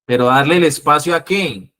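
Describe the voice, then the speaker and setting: A man with a Colombian accent teaching an interviewing class, acting out the calm phrases he wants students to use. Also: a little high, normal speed. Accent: Colombian Spanish. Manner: lively, acts out calming phrases. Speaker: instructor.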